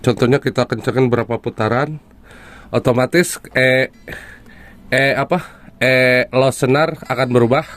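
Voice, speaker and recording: A man talks through a guitar tutorial in a relaxed, conversational way, speaking to viewers as "guys" and using frequent fillers. His voice sits at a middling pitch. Faint guitar playing is heard behind him. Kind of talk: casual tutorial explanation.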